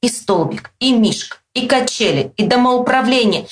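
A woman teacher reading a children's story aloud with lively expression, acting out the shouts, then quizzing a pupil. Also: moderate pace, slight background noise. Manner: acts out the boy's shouts with big jumps in pitch. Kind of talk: expressive read-aloud with quiz questions.

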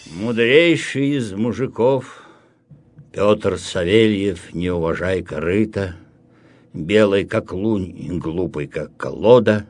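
A male actor narrating a radio literary reading in a measured, expressive way. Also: low voice. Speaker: actor, reader.

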